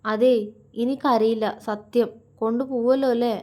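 A woman's voice: fairly even intonation, unhurried, lightly acted. A woman voicing an anxious, tender young wife in a read-aloud romance story, pleading in a raised voice. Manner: pleading, higher and louder than the narration.

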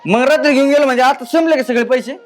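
A man's voice: very high-pitched, racing, soft background music. A man playing a drunk adult son who speaks in a harsh, repetitive, bullying way. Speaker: actor. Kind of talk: short-film acting.

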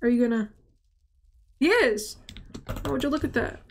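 A woman's voice: a little high, fairly even intonation, very fast, gravelly, a little mellow, a little hiss or hum. A woman with a stuffy, congested voice gives casual gameplay commentary, rambling and stammering as she talks to herself. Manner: rambling, stammering self-talk. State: congested nasal voice. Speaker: gaming channel host.

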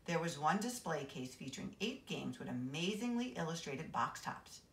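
Brief: school administrator reading aloud, low lively voice, echoey room. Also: female voice, moderate pace. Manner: expressive, animated reading. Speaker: assistant principal reading aloud. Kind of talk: reading a children's novel aloud. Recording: roomy echo.

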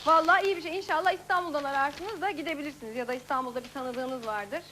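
High-voiced chatty woman TV host. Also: quick pace, bright, forceful tone, slight background noise. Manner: chatty, laughing, reads out viewer faxes. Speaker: TV show host. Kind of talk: casual live TV chat.

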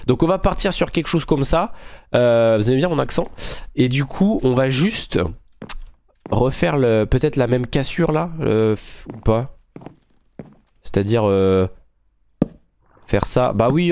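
A man's voice: medium pitch, a little mellow, a little hiss or hum. A man hosting a gaming channel, chatting casually and thinking aloud to his viewers as he builds in a game. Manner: friendly, addresses viewers directly. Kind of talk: casual gameplay commentary.

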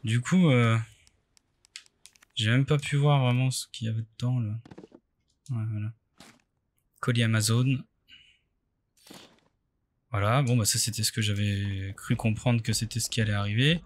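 A man's voice: lowish voice, fairly even intonation, normal speed, pauses often, slight background noise. A man doing casual let's play commentary, thinking aloud and muttering hesitantly to himself in short bursts. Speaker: let's play video game streamer.

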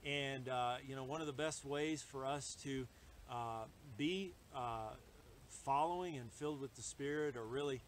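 Pastor-type man, mid pitch, preaching with lots of stops and restarts, faint room noise. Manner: halting, many fillers and restarts. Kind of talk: sermon.

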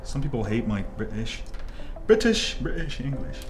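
With music in the background, a man speaks at normal speed, casually chatting through soldering at an indoor workbench in a hands-only shot recorded by an off-camera mic. He grew up in Korea, speaks Korean natively, and hosts 3D printing tutorials. His rambling style shifts into excited high exclamations and muttered asides.

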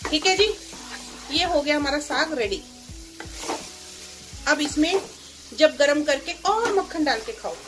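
A woman's voice: sits high, animated, unhurried, long pauses, noisy background. A woman chatting casually at home as she explains a cooking recipe step by step. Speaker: cooking vlogger. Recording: music playing behind.

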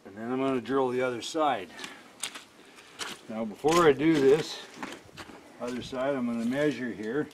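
Man calmly explaining a workshop job. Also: medium pitch, moderate pace, pauses often, slight background noise. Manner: plain, step-by-step, narrating his own actions. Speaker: cart builder demonstrating an install. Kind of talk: hands-on how-to demonstration.

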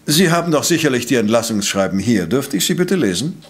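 An actor playing a coolly precise professor-detective in a radio play, questioning in a formal, probing way. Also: male voice, mid-range voice, big pitch swings, a little fast, close to an everyday voice. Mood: analytical. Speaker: voice actor in audio drama.

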